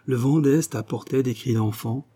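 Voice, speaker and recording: A man's voice: mid-range voice, normal speed, warm tone, husky. A man reading a novel aloud as an audiobook narrator, voicing the dialogue lightly in his own voice.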